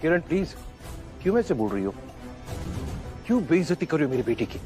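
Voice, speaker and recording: A protective Indian mother, in a TV melodrama, firm and exasperated. Her pitch moves a lot, and music plays clearly behind her. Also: big pitch swings, fairly quick. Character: protective parent, exasperated and firm in a family row. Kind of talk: melodramatic TV soap acting.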